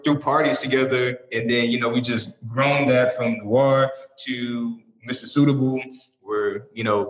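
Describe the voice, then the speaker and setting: A man's voice: medium pitch, fairly bright tone. An American man with a polished broadcast-style voice, chatting casually on a podcast and telling stories in a talkative, wandering way. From St. Louis, United States. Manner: talkative, storytelling with tangents. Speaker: podcast guest. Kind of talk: casual conversational podcast chat. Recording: roomy, echoing sound.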